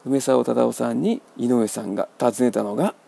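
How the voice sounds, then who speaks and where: A man hosting a radio book talk, explaining in a wry, measured way. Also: medium pitch, vocal fry, mellow. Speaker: radio host.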